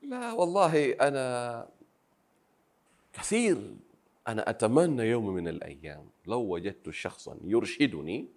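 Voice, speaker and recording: A man from Pemba, by birth, answers an interviewer's questions. He speaks earnestly and humbly in a soft voice and often restarts his phrases. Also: medium pitch, sing-song, moderate pace, long pauses. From Pemba, Zanzibar. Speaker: Arabic grammar teacher, interview guest. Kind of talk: interview conversation.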